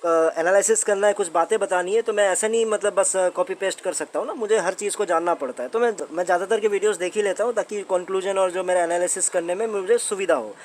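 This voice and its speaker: Fast and with few pauses, a man with an Indian accent delivers informal, conversational commentary on a company's updates as the host of his own channel. His voice sits high, and there's a slight hiss or hum in the audio. He often restates his points and puts rhetorical questions to the listener.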